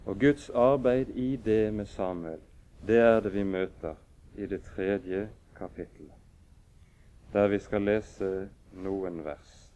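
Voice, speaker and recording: Male preacher, sermon with bible reading, smooth mellow voice, measured solemn pauses, dull lo-fi recording. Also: lowish voice, fairly even intonation.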